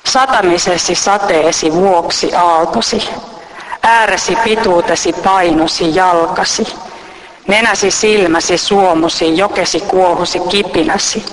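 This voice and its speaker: Man reciting slowly, high-pitched voice. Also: steady tone, long reverb tail, background noise. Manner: slow, reflective, rhythmic list-like recitation. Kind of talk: musing monologue and poetry reading.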